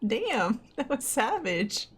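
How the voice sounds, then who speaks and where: A young woman hosting a movie reaction, chatting casually with giggles and excited exclamations. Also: on the high side, slow pace, a little hiss or hum. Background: film audio.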